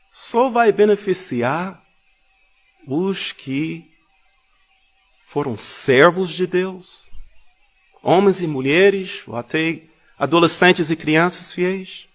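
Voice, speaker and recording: Man, public Bible talk, high voice, lively pitch, repeats phrases for emphasis. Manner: tells personal anecdotes. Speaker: congregation speaker.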